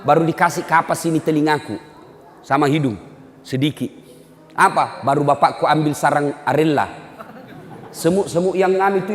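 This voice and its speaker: A middle-aged man giving a lively sermon, acting out parents and children and sometimes shouting. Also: a little high. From Indonesia. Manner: animated, acts out parents and children, shouts at times. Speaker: preacher. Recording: echoey hall with long reverb.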